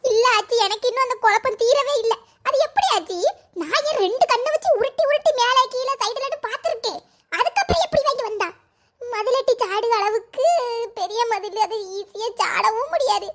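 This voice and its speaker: A woman voicing an anxious, chattering young village mother in a cartoon, with a Kanyakumari Tamil accent. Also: moderate pace. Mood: puzzled. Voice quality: high, worried, talkative. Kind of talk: cartoon voice acting.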